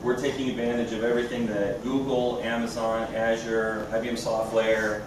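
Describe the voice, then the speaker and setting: A man's voice: fairly low pitch, little pitch movement, moderate pace. A man giving an informal, explanatory live product demo as a company presenter. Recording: echoey room, distant mic, clear background noise.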